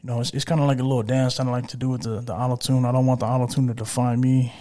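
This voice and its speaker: A man's voice: mid-range voice, level tone, racing, mellow. Laid-back young man, casual chat. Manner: laid-back, frequent "you know what I'm saying". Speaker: musician guest.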